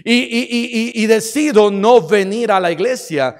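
Male preacher, high voice, emphatic and repetitive delivery, long hall reverb. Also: a little slow, gravelly. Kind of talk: sermon.

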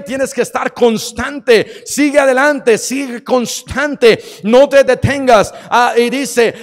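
A man with a high-pitched voice preaches with insistent, repetitive emphasis. He often stumbles and restarts words. His voice rings out through a reverberant hall. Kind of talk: sermon.

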